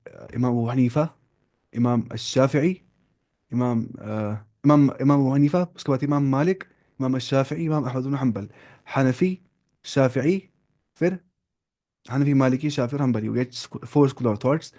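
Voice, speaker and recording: A man's voice: mid-range voice, dark tone. A man, giving an informal classroom lecture on religious law, conversational and repeating key terms. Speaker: religious studies teacher.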